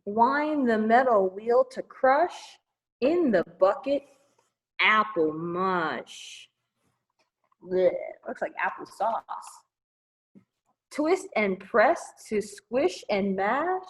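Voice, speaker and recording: Reading aloud from a picture book for young listeners, this woman mixes in conversational asides with an animated, lilting tone. Her voice is mid-range, her pace extremely slow, and the audio quality poor.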